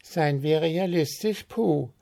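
Male reader as amused little bird, high, dry humor, storybook tone. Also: takes it slowly, creaky, warm tone. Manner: wry, amused. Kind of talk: storybook reading.

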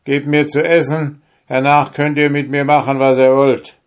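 A man voicing a bold, hungry soldier in a fairy tale, loud and boisterous. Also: fairly high pitch, flat delivery, moderate pace, pitched above the performer's own voice, lightly acted. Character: bold hungry male soldier, cheeky and fearless.

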